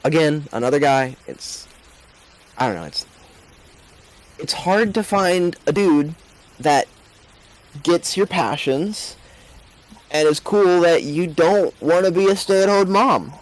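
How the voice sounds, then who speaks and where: A man's voice: on the high side, animated, slow pace, long pauses, voice pushed up, poor audio. A man voicing a flustered, lovelorn young woman who stammers about her dating troubles. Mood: rueful.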